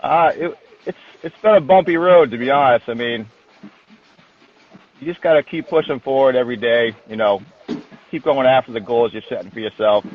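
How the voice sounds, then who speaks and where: A man's voice: mid-range voice, moderate pace. Guy talking on a thin phone line, casual interview chat, candid, swears a bit. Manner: candid, colloquial, occasional swearing. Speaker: interview guest, dog trainer.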